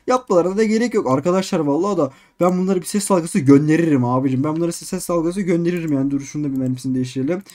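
A man giving excited let's-play commentary on a game, repeating phrases in quick bursts and constantly addressing his viewers. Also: high voice. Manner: excitable, keeps calling viewers "abicim" and "arkadaşlar". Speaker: gaming YouTuber.

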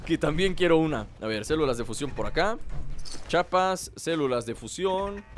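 A man's voice: on the high side, animated, moderate pace, soft background music. A man with a Mexican accent giving casual let's play commentary, playful and rambling as he plays. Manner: playful, rambling to himself and viewers. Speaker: gaming host. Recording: game noise behind the voice. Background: video game ambience.

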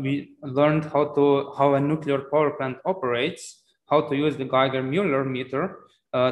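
A teenage boy from Slovenia with a Slovenian accent, presenting facts about his school and town plainly, with fillers. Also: mid-range voice. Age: teens. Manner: plain, with fillers between points. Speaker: student presenter. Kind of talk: presentation on a video call. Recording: echoey room.

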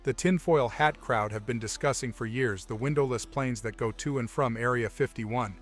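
Regular pitched man reading out a post, soft music behind him. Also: moderate pace. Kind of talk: scripted narration of forum replies.

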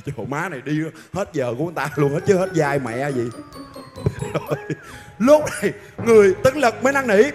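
A man hosting a live show, narrating a comic skit in a lively, hurried, joking way. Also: on the high side. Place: outdoor traveling show stage. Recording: live stage with hall echo and loud music.

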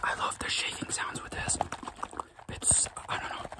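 An ASMR host of unclear sex doing fast and aggressive ASMR in a whisper, with short repeated words and phrases. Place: small dim indoor room.

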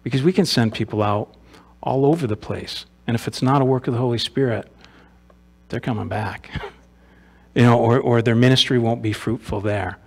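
A man's voice: mid-range voice, normal speed, creaky. Conversational male pastor preaching. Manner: conversational, asks rhetorical questions, repeats words. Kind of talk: sermon. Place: church sanctuary.

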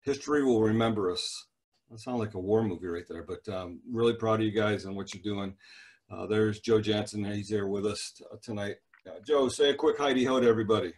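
A middle-aged man with a brisk, lowish voice hosts a church youth leaders' video call, introducing people and chatting in a relaxed way full of fillers.

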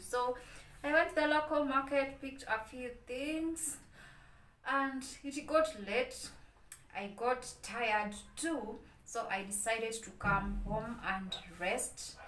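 A woman's voice: on the high side, fairly bright tone, echoey room, far from the mic, low-quality recording. A young Kenyan woman with a Kenyan accent, chatting playfully to camera in a casual vlog and hyping up her viewers. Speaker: vlogger. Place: small indoor room, office and home.

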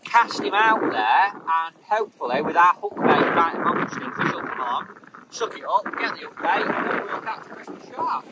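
A man's voice: high voice, moderate pace. A man explaining a fishing rig to camera in a jokey, casual way outdoors. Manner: jokey, lively demonstrating. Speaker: angler. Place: windy reservoir shore outdoors. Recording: loud wind, distant from mic.

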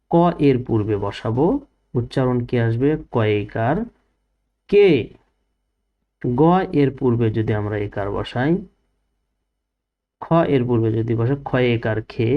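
Slow, patient man teaching young children. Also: mid-range voice, highs cut off. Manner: patient, asks questions then answers them himself. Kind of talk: first-grade Bengali reading lesson.

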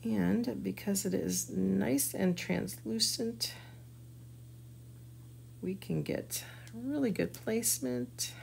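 A woman's voice: mid-range voice, slow, creaky, pauses often, a little mellow, slight background noise. A woman giving a chatty, folksy live craft tutorial and talking to her viewers as she works. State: hiccuping. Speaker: craft demonstrator.

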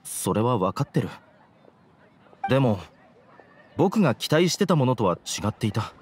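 Man acting an anxious young male student, animated pitch. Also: moderate pace, slight background noise, close to an everyday voice. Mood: dejected. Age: young adult. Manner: hesitant, earnest. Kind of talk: anime game voice acting. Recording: music under the voice.

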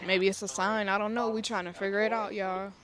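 Out in a cemetery, a paranormal vlogger chats casually with her viewers, rambling and talking aloud to herself. Her mid-range voice is level in tone and fairly quick, with a crowd audible in the background.

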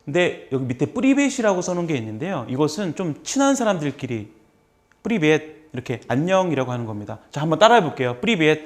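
A man's voice: a little high, sing-song, quick pace. A man teaching a live class in a chatty, joking way, repeating phrases for the students to say back. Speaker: lecturer teaching basic Russian. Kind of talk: classroom lecture. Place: seminar room with a live audience.

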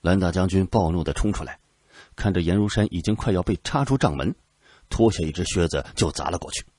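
A man narrating an audiobook with lively storytelling. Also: low voice, brisk, husky, no room sound, clean studio sound.

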